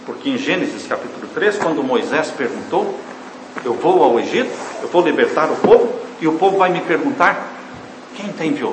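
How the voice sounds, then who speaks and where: A man preaching a sermon, leaning hard on key words, then dropping to a hushed, low voice, and calling the congregation his dear ones. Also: noisy background. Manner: emphatic preaching, swings from loud stressed words to hushed low phrases. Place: church hall. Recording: echoey church hall, faint ambience.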